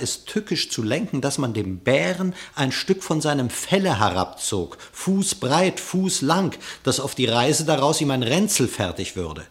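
Narrating a classic verse fable for a radio play, a man uses dramatic, storyteller-style expression. His pitch swings widely, and his voice has vocal fry.

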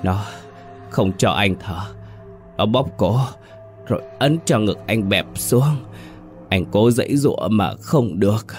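A man's voice: fairly low pitch, expressive, slow, long pauses, soft background music. A man voicing the breathless ghost of a murdered husband, speaking in broken gasps. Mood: gasping.

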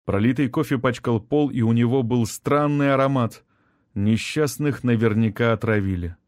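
A male audiobook narrator reading a fantasy story in a steady, measured voice. He speaks at an ordinary middle pitch. The recording is close and completely dry. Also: no room sound. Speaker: audiobook reader.

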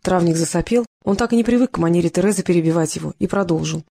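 A woman reading a novel aloud in a steady, even storytelling manner. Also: fairly low pitch, fast talker, vocal fry. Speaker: audiobook narrator. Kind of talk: scripted narration.

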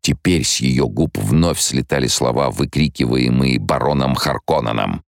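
Very deep, gravelly male audiobook narrator. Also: normal speed, no room sound, studio quality. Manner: steady, dramatic reading. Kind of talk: scripted narration.

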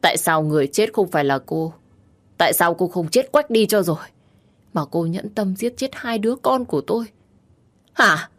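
A woman reading an audiobook gives voice to a furious, grieving young man who shouts harsh accusations. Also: fairly low pitch, fast, few pauses, natural voice. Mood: furious shouting.

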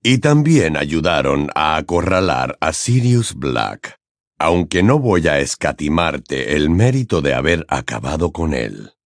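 A man's voice: big pitch swings, no room sound, studio quality, exaggerated voice. A man doing a cold, calculating man. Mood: sardonic. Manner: slow, low and measured. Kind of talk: audiobook character voice.

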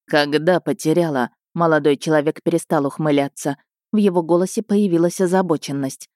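A woman narrating an audiobook in a calm, measured way. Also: low voice, no room sound, clean studio sound.

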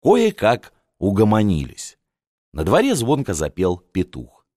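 A man reads a novel aloud with expressive, dramatic delivery, his lowish voice rising and falling widely. It sounds like a studio read, close and completely dry. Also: moderate pace, no echo. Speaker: audiobook narrator. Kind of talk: scripted audiobook narration.

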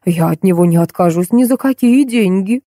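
A woman reading an audiobook voices a calm, composed female interior designer. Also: mid-range voice, no room sound, clean studio sound, lightly acted. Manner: calm, measured.

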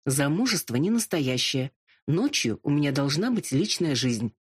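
A storybook narrator voicing a quick-witted young female detective who answers back with teasing remarks. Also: mid-range voice, sing-song, slightly rough. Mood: cool.

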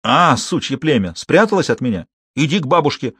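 A man's voice: medium pitch, sing-song, brisk, a bit bright, breathy edge, no room sound, studio quality. A man reading an audiobook, voicing a frenzied murderous older grandmother who shrieks and pleads. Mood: menacing.

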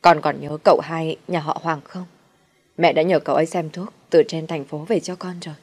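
Audio-story role: woman doing a domineering mother-in-law, low voice, barking orders. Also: steady tone, normal speed, darkish tone, breathy edge. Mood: pleading. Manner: scolding, commanding. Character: harsh scheming middle-aged mother-in-law.

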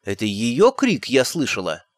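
A man's voice: mid-range voice, huge pitch swings, unhurried, dry recording, clean studio sound. A man voicing a young queen, speaking in an offhand, breezy way. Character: calm eerie young queen, axe-wielding.

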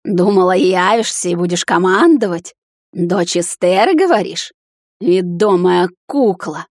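A woman voicing a sly old female witch with a creaky voice, cooing one moment and shrieking with rage the next. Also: on the low side, measured pace, darkish tone, dry recording, clean studio sound. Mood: furious.

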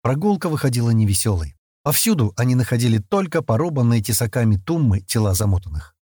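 A man narrates an adventure novel aloud in an expressive storytelling manner. His voice is husky and his pitch moves in lively swings. The recording is close and dry, with no room sound. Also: fast, no room sound. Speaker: audiobook narrator. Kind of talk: scripted narration.

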